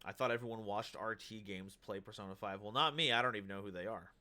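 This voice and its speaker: A man's voice: lowish voice, fast talker, sharp tone. A man hosting a casual livestream, upbeat and hype, who reads card text aloud. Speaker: streamer host.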